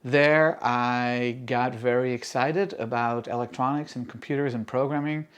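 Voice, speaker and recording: A middle-aged man from the Netherlands, hosting his home cooking channel and explaining to camera in a friendly, steady way with small fillers. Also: medium pitch, measured pace, clear, resonant tone. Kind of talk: casual cooking video to camera.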